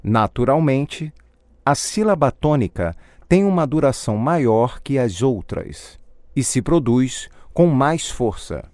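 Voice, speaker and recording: A man narrating a recorded pronunciation lesson, unhurried and deliberate, his pitch rising and falling freely. The sound is close and dry, with no room around it. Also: sing-song, a little mellow, dry recording. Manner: measured, explanatory delivery. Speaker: language teacher.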